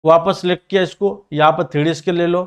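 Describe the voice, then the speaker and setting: Fast-talking Hindi CAD tutor, man. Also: sits high, steady tone, smooth. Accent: Mumbai Hindi. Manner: step-by-step explanatory, talks to students directly; says he sometimes talks fast. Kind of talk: screen-recorded software tutorial.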